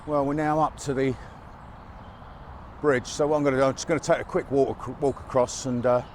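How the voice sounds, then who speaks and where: Out by a busy motorway in winter fields, a walking vlogger chats casually in a chatty, wry way as he goes, a bit chesty from a cold and slightly out of breath. His voice is medium-pitched, steady and darkish, a little fast, and his chest-worn outdoor mic picks up faint traffic noise.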